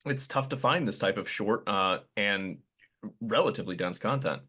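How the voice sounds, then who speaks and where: A man's voice: lowish voice, lively intonation, normal speed, bright, forceful tone, husky. A man hosting a podcast, chatting casually and rambling a little, with self-deprecating asides. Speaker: podcast host. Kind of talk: casual conversational interview.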